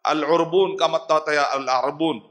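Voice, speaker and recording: A man in his forties from Hyderabad, India, with a Hyderabadi Urdu accent, giving a religious lecture as an Islamic scholar, slowly spelling out Arabic terms and mixing in English words. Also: a little high, steady tone, a bit bright. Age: 40s.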